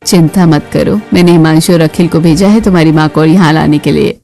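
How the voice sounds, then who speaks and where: A warm-hearted cartoon mother-in-law with a lower, steady voice, as a woman puts her on. She speaks calmly and motherly over faint music. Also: brisk, creaky. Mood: soothing. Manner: calm, motherly. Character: kind caring middle-aged mother-in-law. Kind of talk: animated family drama.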